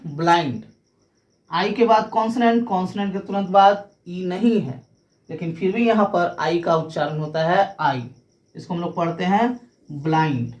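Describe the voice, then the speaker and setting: A woman's voice: medium pitch, darkish tone. A woman teaching English pronunciation, explaining rules step by step and spelling words out letter by letter.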